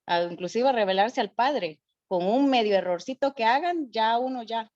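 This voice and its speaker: A woman's voice: fairly high pitch, expressive, moderate pace, a little mellow. A woman student asks a question during an online class, hesitating and starting over as she searches for her words. Her call audio sounds dull and lo-fi. It is dry, with no room echo. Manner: hesitant, many fillers and restarts.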